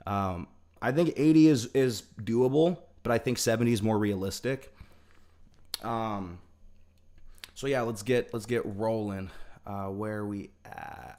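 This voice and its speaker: With teeth whitening strips in, a young man streaming about trading sounds slightly off as he casually greets viewers by name and muses aloud with plenty of fillers. His voice is fairly low, creaky and dark-toned, expressive, at normal speed.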